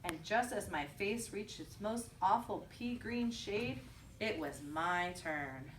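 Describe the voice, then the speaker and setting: A teacher reads a picture book aloud to young children in an echoey room, asking them questions, prompting them and repeating their answers back. Her voice is medium-pitched, animated, slow and fairly bright. The distant mic picks up roomy echo and faint noise.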